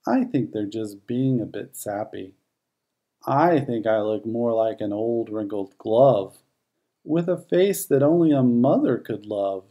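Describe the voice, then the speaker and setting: A man reads a rhyming children's picture book aloud in a warm, relaxed voice with a little creak at the edges. He takes his time, and his pitch rises and falls expressively through each verse.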